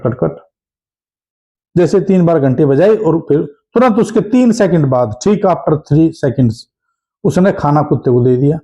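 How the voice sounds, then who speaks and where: An animated man teaching an exam-prep lesson, firing questions at his students and answering them himself. His voice sits a bit high but has a mellow, dark tone. The recording sounds dull and lo-fi. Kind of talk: lecture. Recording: dull lo-fi audio.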